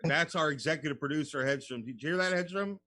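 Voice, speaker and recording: A man's voice: a little high, fast, bright, forceful tone. A man hosting a radio show in casual, slangy, buddy-like chat, often calling people bro.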